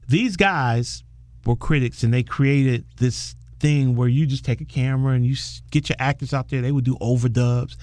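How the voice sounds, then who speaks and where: A man's voice: mid-range voice, no echo, clean studio sound. A man, a film director guest in a casual interview, telling a story with animation and laughing often. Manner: animated storyteller, acts out quoted voices.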